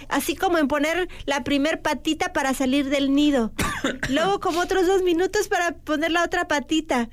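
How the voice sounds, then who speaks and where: Woman doing a high-voiced sore seagull. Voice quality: fond of cute diminutives. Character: female seagull, sore and good-humored. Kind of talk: children's radio character show.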